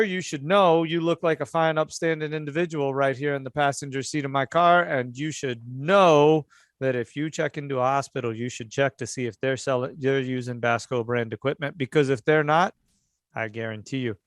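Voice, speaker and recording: A man's voice: mid-range voice, moderate pace, no room sound, clean studio sound, natural voice. A man playing a pushy, folksy traveling salesman with pompous patter in an improvised tabletop game. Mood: boastful, persuasive. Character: smooth-talking, folksy, pushy male traveling medical equipment salesman. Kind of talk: improvised tabletop role-play.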